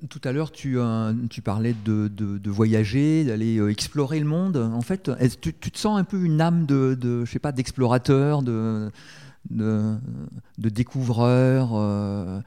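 A man's voice: mid-range voice, a little slow, warm tone, clean tone, in a large hall. A man interviewing a young guest, asking long rambling questions with fillers and restarts. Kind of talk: casual interview.

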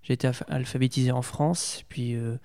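Young male interviewee, hesitant and halting, flat warm voice, reverberant room. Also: mid-range voice. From Portugal. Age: young adult. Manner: hesitant, many fillers and restarts. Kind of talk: casual interview.

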